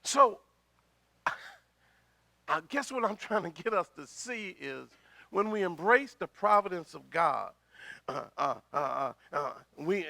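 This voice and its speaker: A man's voice: sits high, creaky, pushed and bright, no room sound. A middle-aged man preaching a sermon as pastor, talking in a conversational way, repeating words and swelling in volume, with a slight cough.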